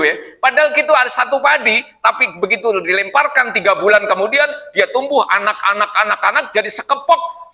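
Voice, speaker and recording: A man preaching at a mosque Quran study, talking folksy and animated, often addressing the listeners as "Pak" and reciting Arabic verses. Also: on the high side. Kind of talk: sermon.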